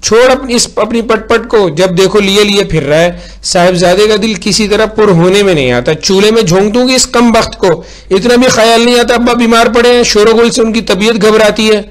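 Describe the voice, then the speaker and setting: A man's voice: expressive, a little mellow, natural voice. A man voicing a harried middle-aged housewife who scolds her child and fusses over her sick husband. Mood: scolding. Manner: shrill, scolding, quick to snap.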